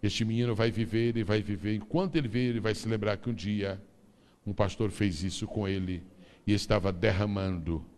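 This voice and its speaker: A man's voice: on the low side, fairly even intonation, fairly quick, darkish tone. A male pastor preaching a sermon, animatedly acting out the story for his congregation. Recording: long reverb of a large church.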